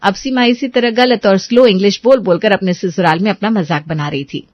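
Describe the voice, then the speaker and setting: A woman narrating a cartoon story in a calm, even, scripted way. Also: mid-range voice, fairly quick, muffled recording.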